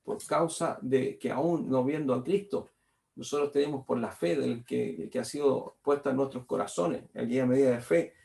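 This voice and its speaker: A man's voice: medium pitch, moderate pace, creaky, mellow. A male pastor preaching a sermon, reading scripture aloud and then expounding on it, repeating phrases and tagging lines with "¿cierto?".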